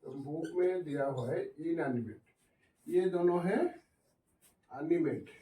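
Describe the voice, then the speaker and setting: Male biology teacher, slow and high-pitched, asks the class and answers himself. Recorded from a distance in a room with echo. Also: mellow. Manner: mixes English science terms into Hindi. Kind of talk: classroom lecture at a whiteboard.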